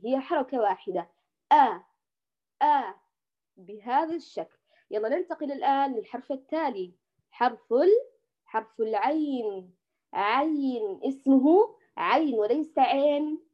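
A woman teaching Quran recitation. She models each letter sound slowly and carefully and puts questions straight to her students. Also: high-pitched, highs cut off. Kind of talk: tajweed lesson, demonstrating sounds.

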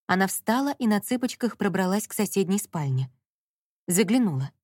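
A woman reading an audiobook novel in a measured storytelling manner. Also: mid-range voice, big pitch swings, a little mellow, no echo, studio quality. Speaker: audiobook narrator. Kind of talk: scripted narration.

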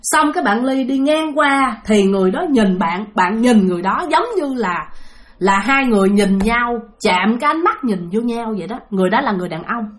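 A woman's voice: fairly high pitch, lively intonation, moderate pace. A woman telling a ghost story in a chatty way, talking straight to her listeners and repeating things for emphasis.

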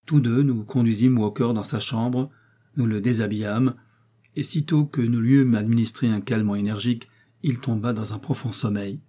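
A man reading a classic story aloud as an audiobook narrator, in a measured storytelling manner. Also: medium pitch, steady tone, dark tone. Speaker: audiobook reader. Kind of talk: scripted literary narration.

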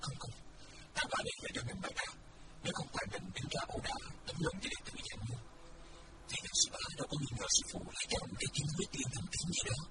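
A man voicing a young male martial disciple, earnest and guilt-ridden, speaking in a hushed, brooding way. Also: very high voice, quick pace, voice pushed up. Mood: anguished. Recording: distant mic, loud background noise.

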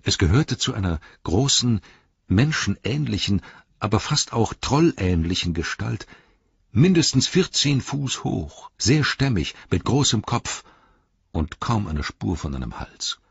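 Deep man reading a story aloud, slow and expressive, gravelly husky voice. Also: dry recording, muffled recording. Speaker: audiobook reader. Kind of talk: scripted narration.

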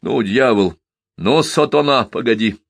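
A man doing a gruff, grumbling old peasant. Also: medium pitch, moderate pace, no echo, natural voice. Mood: angry. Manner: grumbling, scolding. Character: gruff bearded peasant carter, suspicious and quick-tempered.

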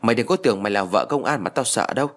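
A man voicing a spiteful, foul-mouthed old village woman who curses and wails in a shrill voice. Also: animated, very fast, fairly bright tone. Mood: cursing. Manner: shrill, cursing, wailing.

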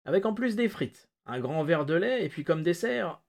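A man voicing a sinister, mocking male stranger who taunts with false warmth. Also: mid-range voice, lively intonation, measured pace. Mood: mock-friendly. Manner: silky, taunting, mock-friendly. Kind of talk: audiobook-style reading.

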